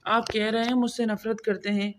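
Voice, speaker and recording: A woman's voice: on the high side, flat delivery, slight background noise, close to an everyday voice. A woman voicing a young bride in a spoken romance novel, tearful but defiant. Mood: pleading.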